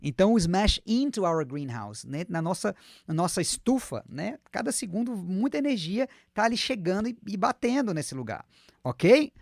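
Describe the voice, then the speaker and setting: A man's voice: high-pitched, gravelly, no room sound, clean studio sound. A man teaching an online English lesson, chatty and encouraging, whose first language is Portuguese. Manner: lively, chatty, repeats words slowly for students to copy.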